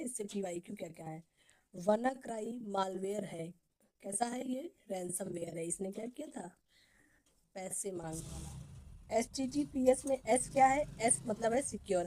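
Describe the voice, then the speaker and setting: Mellow-voiced woman teaching an exam class. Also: mid-range voice, low-quality recording. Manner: asks a question then answers it, repeats key terms. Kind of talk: Hindi exam-prep lecture.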